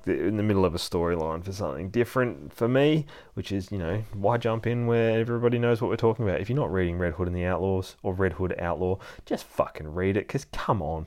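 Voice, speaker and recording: An Australian man with a low voice hosts a podcast in an informal review style. He is excitable and swears freely as he chats from a bedroom. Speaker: podcast host. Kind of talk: casual comic book review. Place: bedroom used as a studio.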